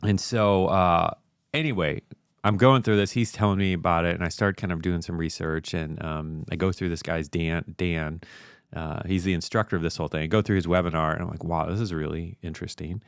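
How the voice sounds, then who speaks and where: Low-voiced man chatting on a live stream. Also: brisk, clear, resonant tone, no echo, clean studio sound. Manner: relaxed, chatty, many fillers. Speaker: host. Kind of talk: casual live-stream talk.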